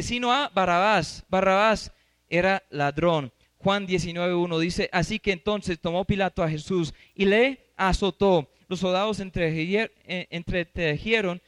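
A man's voice: high voice, fairly bright tone, no echo. A man preaching and teaching from scripture. He reads passages aloud and stops to quiz his listeners. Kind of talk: Bible teaching.

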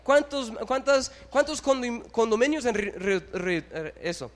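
A man's voice: extremely high pitch, lively intonation, measured pace, voice pushed up. A preacher acting out a scornful king who mocks a servant's hopeless debt with incredulous questions. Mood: mocking.

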